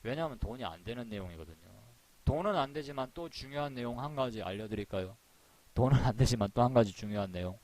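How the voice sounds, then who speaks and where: A middle-aged man giving a live-streamed stock market lecture, lively and talkative, acting out little scenes as he explains. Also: medium pitch, quick pace. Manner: animated, acts out little scenes in put-on voices.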